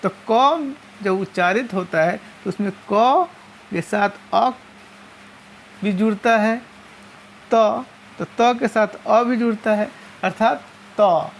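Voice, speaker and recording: A woman teaching a lesson, explaining step by step and slowly spelling out each sound. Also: medium pitch, slight background noise. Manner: slow and methodical, repeating and spelling out sounds.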